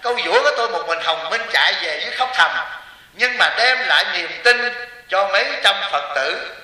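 A man giving a Buddhist sermon in a high, piercing voice, teasing his listeners and tossing them rhetorical questions. His words bounce around a hall that rings with long reverb. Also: animated, moderate pace, pushed and bright, far from the mic. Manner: joking, with rhetorical questions to the audience. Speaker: Buddhist monk teacher. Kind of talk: sermon to lay followers.

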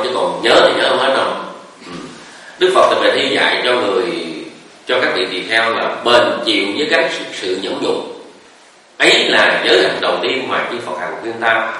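A man's voice: lowish voice, lively intonation, normal speed, bright, forceful tone. A man, a Buddhist monk giving a conversational dharma talk, telling stories and asking the audience rhetorical questions. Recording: echoey hall recording from far off.

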